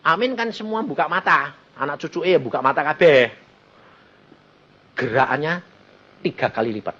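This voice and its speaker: Animated, lively-voiced male preacher, muffled recording. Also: fairly high pitch, normal speed. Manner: animated, acts out dialogue in the story. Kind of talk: storytelling sermon.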